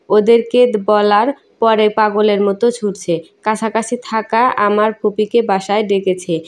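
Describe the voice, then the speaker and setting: A woman narrating a first-person emotional story in a steady, measured reading. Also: mid-range voice.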